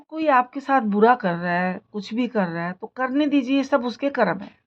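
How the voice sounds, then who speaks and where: A woman's voice: fairly high pitch, lively intonation, moderate pace, dull audio. A woman giving earnest, preachy life advice in a casual motivational talk. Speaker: lifestyle video host.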